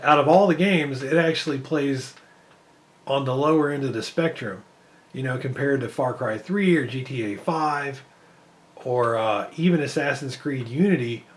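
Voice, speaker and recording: A man losing his voice, giving casual rambling commentary while he benchmarks PC games. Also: medium pitch. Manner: rambling, thinking aloud with fillers. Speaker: PC gaming benchmark creator.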